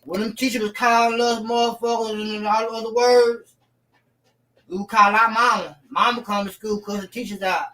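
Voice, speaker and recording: Halting man, distant on the line. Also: high voice, steady tone, bright, forceful tone, a little hiss or hum. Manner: halting, repeats words while searching. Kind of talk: casual chat.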